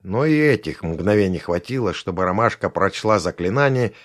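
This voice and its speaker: A man narrating a fantasy story aloud in a lively reading, shifting his pitch for each character. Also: moderate pace. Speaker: audiobook narrator. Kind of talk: scripted narration with character voices.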